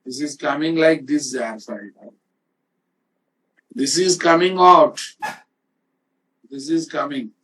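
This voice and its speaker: A programming instructor with an Indian accent gives an informal screen-shared software lecture, emphatic and repetitive, often checking in with students. His slightly bright voice sits on the high side, moving slowly with long pauses. The microphone sounds distant.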